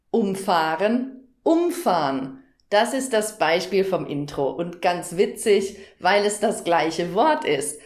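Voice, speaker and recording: A woman teaching a grammar lesson to learners, speaking directly to the viewer and carefully stressing syllables in her examples. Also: mid-range voice. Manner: slow, deliberate, stressing syllables to demonstrate. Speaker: German teacher. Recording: roomy echo.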